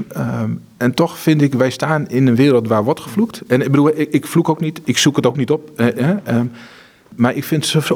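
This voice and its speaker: A man's voice: mid-range voice, a little mellow, breathy edge. A man, director of a charity, talking in an interview with earnest, faith-driven stories and many restarts. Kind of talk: conversational interview.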